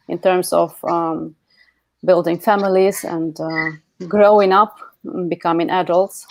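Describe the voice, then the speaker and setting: A woman from the Soviet Union hosting a panel discussion, speaking thoughtfully with many pauses and fillers. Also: fairly low pitch, darkish tone, poor audio. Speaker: panel host.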